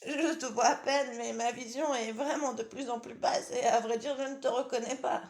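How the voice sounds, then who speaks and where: A frail, weary old grandmother from a storybook, voiced by a woman chatters kindly and breaks into small laughs. Her voice sits high and thin. The reading has an echoey room around it. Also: fairly even intonation, normal speed, close to an everyday voice. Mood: doting. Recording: roomy echo.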